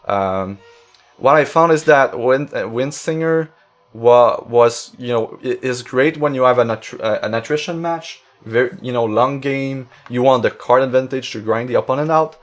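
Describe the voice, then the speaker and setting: A man's voice: mid-range voice, moderate pace. A man with a French-Canadian accent streaming, casually talking through a card-game deck and thinking aloud with many fillers and restarts. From Quebec, Canada.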